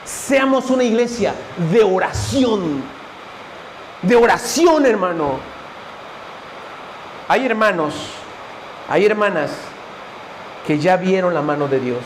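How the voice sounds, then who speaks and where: A man's voice: high voice, lively intonation, slow, pauses often, slight background noise. A man preaching a fervent sermon at a church service, speaking straight to his congregation. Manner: fervent, directly addressing the congregation as brothers.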